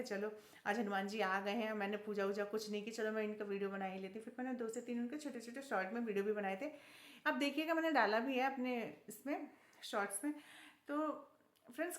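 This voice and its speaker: A woman's voice: sits high, reverberant. A woman vlogger telling a personal devotional story in a chatty, earnest way, often turning to her viewers. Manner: chatty, earnest, keeps addressing viewers as friends.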